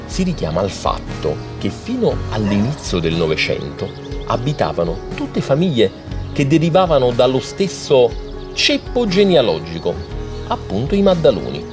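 A man narrating a documentary in an explanatory, storytelling way. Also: on the low side. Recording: music playing behind.

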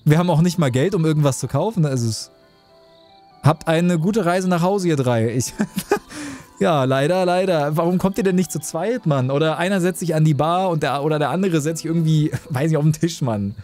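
A young man in casual live-stream chat with a mellow, relaxed tone. He jokes with his viewers and reads out their messages as he plays. Faint music runs behind him. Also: fairly high pitch, fairly quick.

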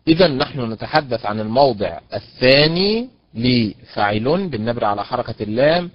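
A man's voice: mid-range voice, lively intonation, moderate pace, no room sound. A man teaching an online lesson on Quranic recitation stress, patiently drawing out example words and praising his students by name. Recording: dull, dry lo-fi online lecture audio.

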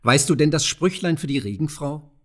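A man voicing a poor, frail old widow who speaks softly and mildly. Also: on the high side, expressive, normal speed, close to an everyday voice. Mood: gentle. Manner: soft, mild, secretive.

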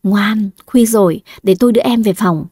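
Troubled middle-aged patriarch, played by a breathy-voiced woman, dry close read. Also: medium pitch, moderate pace, dark tone, dry recording, lightly acted. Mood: coaxing. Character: troubled middle-aged male family head.

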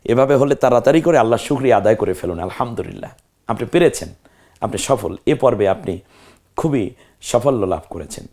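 A man's voice: medium pitch, lively intonation, a little fast, darkish tone. A man teaching a Quran reading lesson to viewers, patiently drilling letter names and praising them with religious phrases. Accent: Bangladeshi Bengali. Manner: speaks directly to viewer, frequent religious phrases. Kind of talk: step-by-step lesson on Arabic letters.

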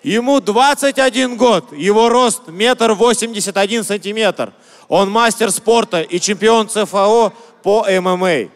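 A man in his thirties working as a ring announcer, projecting brash fight-promoter hype with drawn-out introductions on a handheld mic. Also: high voice. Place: large indoor fight arena, in the cage. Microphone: handheld microphone. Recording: echoing arena PA, music behind.

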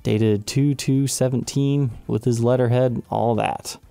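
A man with a gravelly, dark voice tells a personal story as the host of his guitar channel. He sounds animated and exasperated as he retells it. The sound is dry and close. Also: mid-range voice, unhurried, no room sound. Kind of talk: storytelling vlog.

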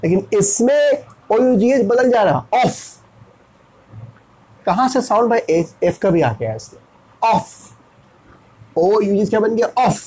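A man's voice: sits high, animated, unhurried, long pauses, a little mellow, husky, poor audio. A man with an Indian accent teaching English pronunciation in Hindi, asking and answering his own questions as he spells words out letter by letter. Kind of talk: explaining lesson.

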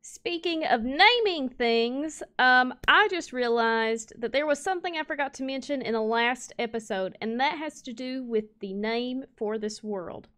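A woman's voice: high-pitched, a little slow, few pauses, fairly bright tone. Chatty young woman gaming host. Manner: chatty, talks to cows and viewers, playful exclamations. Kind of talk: casual let's play commentary.

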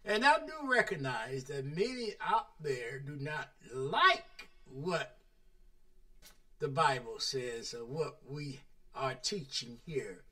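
A man teaching the Bible like a preacher, talking about himself in the third person and drawing out the scripture words slowly. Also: mid-range voice, lively intonation, sharp tone, rough recording. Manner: slow, drawn-out emphasis on scripture. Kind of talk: radio-style Bible teaching.

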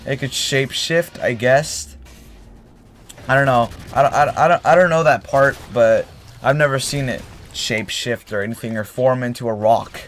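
This gaming channel host, a young man catching a cold, has a mid-range, fairly bright voice and talks at a moderate pace. Over gameplay he rambles through a casual story, using fillers, fixing his own words, and clearing his throat. Soft music and faint game gunfire sit in the background.

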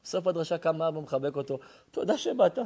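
A rabbi with an Israeli accent giving a dramatic sermon, telling stories and swinging from hushed tones to shouting. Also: male voice, fairly high pitch, expressive. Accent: Israeli Hebrew. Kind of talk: sermon with storytelling. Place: synagogue or lecture hall.

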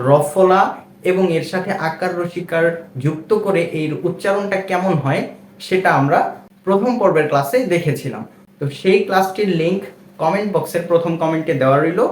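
A man's voice: fairly high pitch, darkish tone, echoey room, a little hiss or hum. A man with a Bangladeshi Bengali accent teaching a reading lesson, patiently spelling out and repeating each sound.

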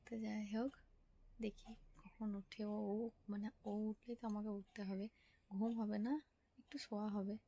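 A young woman speaking softly and whispering in her vlog, hushed so she will not wake her sleeping child. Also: mid-range voice, level tone, moderate pace, lo-fi sound. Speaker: vlogger.

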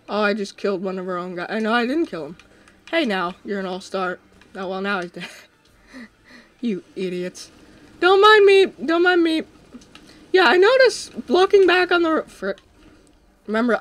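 High-voiced jokey young man gaming. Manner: excitable, jokey, trails off with fillers. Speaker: host. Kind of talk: casual gameplay chat. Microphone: desk mic.

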